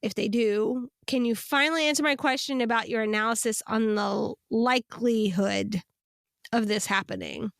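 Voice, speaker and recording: A woman co-host talks casually in a fairly high voice marked by vocal fry. She sounds congested, and the recording is close and dry. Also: steady tone, normal speed, few pauses, no room sound. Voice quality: congested voice from drainage. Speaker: podcast co-host. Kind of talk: casual conversational discussion.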